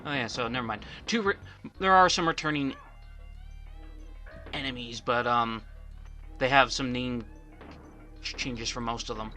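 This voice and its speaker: A man's voice: medium pitch, measured pace, long pauses, sharp tone, faint music behind. A man giving casual let's play commentary, rambling and often stuttering on the first syllables of words.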